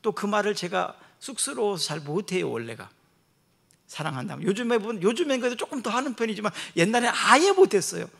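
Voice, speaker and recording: A middle-aged man, a pastor preaching a sermon in an earnest way, dropping soft and reflective, then rising loud and emphatic. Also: high voice, big pitch swings, fast talker, vocal fry.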